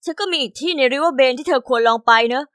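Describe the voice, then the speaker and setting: A woman voicing a friendly, evasive teenage boy who speaks gently and keeps apologizing. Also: high-pitched, fast, dry recording, clean studio sound. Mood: gentle.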